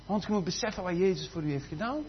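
A man preaching a sermon, dropping to soft asides and then rising to loud, emphatic declarations. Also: high-pitched, expressive, fast, husky. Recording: slightly muffled, faint background noise.

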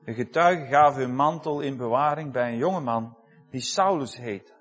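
A man's voice: medium pitch, normal speed, lo-fi sound. A man preaching a fervent sermon, punctuating it with "amen" and building to impassioned peaks.

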